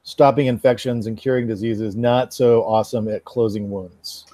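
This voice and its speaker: A man running a tabletop role-playing session as game master, his voice mellow and warm. He narrates in a relaxed, measured way with casual fillers, and the sound is dry and close. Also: medium pitch, no echo.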